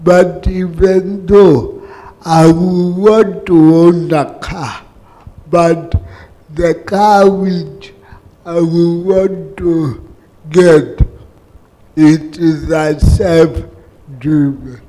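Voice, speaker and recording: Slow, slurred Kenyan man, halting speech. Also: on the high side, steady tone, mellow, rough recording. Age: late 30s. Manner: halting, a word or two at a time. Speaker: audience member asking a question. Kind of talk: question from the floor at a conference.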